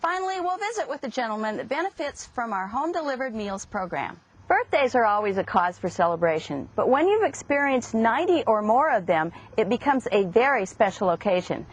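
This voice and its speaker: A woman's voice: on the high side, very animated, a little fast, breathy edge, low-quality recording. A woman narrating a community television program in an upbeat, scripted announcing style.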